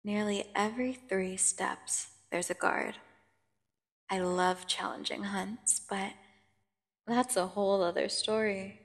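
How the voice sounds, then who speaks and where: In an ASMR audio drama, a woman plays a menacing, seductive vampire prisoner who taunts and condescends with gloating menace and theatrical pauses. Her voice is medium-pitched and steady, wrapped in long, cavernous reverb.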